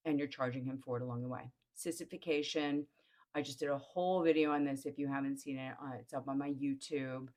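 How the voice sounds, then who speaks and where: A woman's voice: extremely low pitch, darkish tone. A woman hosting her own channel, explaining things in a blunt, matter-of-fact way and running through them one by one. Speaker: host. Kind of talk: frank explanatory monologue.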